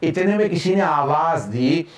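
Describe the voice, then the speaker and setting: A man's voice: a little high, lively intonation, unhurried. A male preacher giving a mourning sermon with a fervent, dramatic storytelling delivery. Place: mourning gathering hall. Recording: echoey hall, voice from far off.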